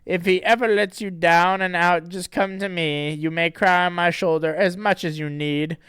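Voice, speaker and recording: A man voicing an earnest, fussy young man from a homemade comic in a high, eager, formal voice. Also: steady tone, normal speed, fairly bright tone, clear, resonant tone, no echo.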